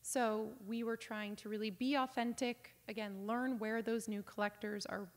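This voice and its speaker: A woman's voice: fairly high pitch, steady tone, normal speed, long reverb tail. A young adult woman giving an informal lecture over slides, conversational with frequent ums and enthusiastic asides, over a video call from a home office. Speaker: auction house business development director giving a lecture.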